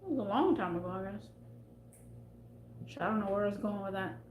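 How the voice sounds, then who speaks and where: A woman's voice: medium pitch, lively intonation, a little fast, darkish tone. A woman live streaming from her desk at home, chatting in a rambling, casual way and trailing off mid-thought. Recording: echoey room with faint background noise.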